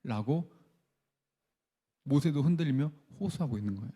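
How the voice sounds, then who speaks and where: Lively male pastor preaching, mellow voice. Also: medium pitch, normal speed, husky. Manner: acts out the people's complaints in lively voices; leads the congregation in reading verses aloud. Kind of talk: sermon.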